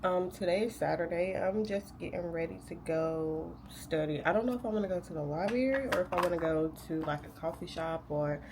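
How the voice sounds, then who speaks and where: A young woman, a graduate student and vlogger, chats casually while getting ready to study in a day-in-the-life vlog. Nasal from a cold, she rambles with lots of fillers, her low-ish voice a little fast with few pauses, and background noise is audible.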